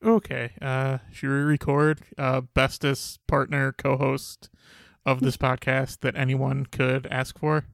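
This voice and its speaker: A young man hosting a podcast, talking in a dry, monotone, sarcastic way. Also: mid-range voice, slow, vocal fry, no room sound. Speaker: podcast host. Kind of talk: casual podcast banter.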